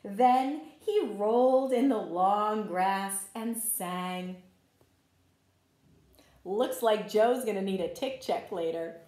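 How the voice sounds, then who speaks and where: Taking her time in a mid-range voice, a female teacher shares a picture book with little kids. She reads with expression and encouragement, frequently turning to ask them questions, in an echoey, roomy space.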